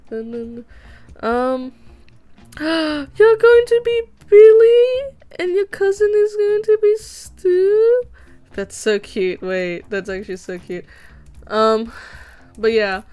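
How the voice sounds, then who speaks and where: This young woman's voice is slightly high and a bit mellow. She grew up speaking Vietnamese and chats casually while animating at home, rambling and restarting often with lots of filler words.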